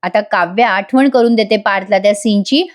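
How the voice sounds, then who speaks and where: A woman's voice: mid-range voice, brisk. A woman narrating a voice-over recap of a TV serial, retelling scenes. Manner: animated retelling, acts out character lines.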